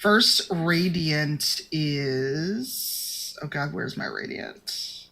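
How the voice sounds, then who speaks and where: Female tabletop player, bright forceful tone, casual wry banter. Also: low voice, lively intonation, extremely slow, rough recording. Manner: playful, wry. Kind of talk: casual chat.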